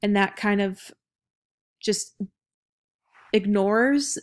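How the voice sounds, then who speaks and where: A woman's voice: mid-range voice, drawn-out words. A young adult American woman giving an informal academic presentation as a student, somewhat hesitant and partly reading aloud.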